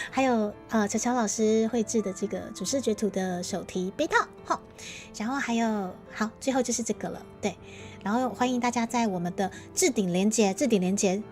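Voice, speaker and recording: A woman with a Taiwanese Mandarin accent chatting casually on a livestream, playful and teasing, often breaking into laughter. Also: fairly high pitch. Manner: playful, teasing, bursts of laughter, slips into Japanese. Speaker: VTuber streamer.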